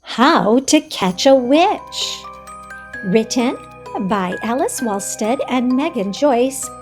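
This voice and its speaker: A woman hosts a reading of a children's storybook, speaking straight to young listeners in an animated, instructive way. Her voice is fairly high in pitch.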